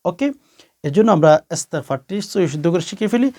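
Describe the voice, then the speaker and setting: A man with a Bangladeshi accent, giving a religious instruction talk as a preacher, with emphatic rising bursts and slow, drawn-out recitation. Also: sits high, expressive, warm tone. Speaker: Islamic preacher.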